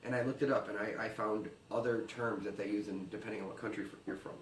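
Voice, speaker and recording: Guy doing crude deadpan fake news, roomy echo, a bit far off the mic. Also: lowish voice, fast, a little hiss or hum. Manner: crude, swearing, dry deadpan delivery. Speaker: comedy news co-host. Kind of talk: deadpan comedic news segment.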